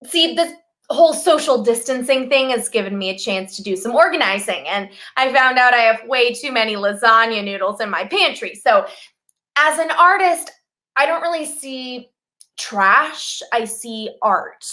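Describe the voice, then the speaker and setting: Woman acting a high, bright young contestant. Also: animated, moderate pace. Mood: earnest, wistful. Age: young adult. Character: chirpy, lonely young female game show contestant, increasingly frayed. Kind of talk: comic stage acting.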